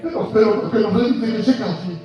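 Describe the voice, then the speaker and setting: A man preaches in a fairly high voice, moving from near-shouting to a hush. His voice comes from some distance and rings through a very reverberant church hall. Faint music plays under him. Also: brisk, muffled recording. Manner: impassioned, swinging from loud to soft. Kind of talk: sermon. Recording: very echoey hall from far off.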